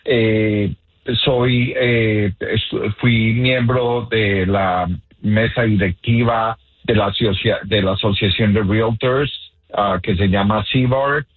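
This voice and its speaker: A man's voice: lowish voice, fairly even intonation, takes it slowly. A man from Colombia, a real estate agent, explaining earnestly on a radio call-in show with many fillers. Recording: tinny phone line.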